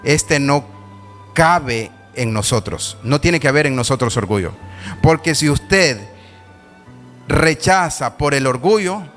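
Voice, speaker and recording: A man's voice: on the high side, expressive, slow, fairly bright tone. A man with a Honduran accent preaching a sermon, repeating his points with emphasis and asking the congregation questions. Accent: Honduran Spanish. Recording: long hall reverb with faint music behind.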